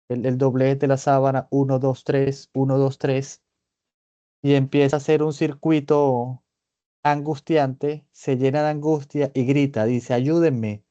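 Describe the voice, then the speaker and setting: Sex: man. Role: psychoanalyst lecturing a seminar. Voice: mellow, dry. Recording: dull, lo-fi online meeting. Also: mid-range voice, no room sound. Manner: measured, reflective, checks in with "right?" asides. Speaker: psychoanalyst presenting a clinical case in a seminar. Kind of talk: seminar lecture, thinking aloud.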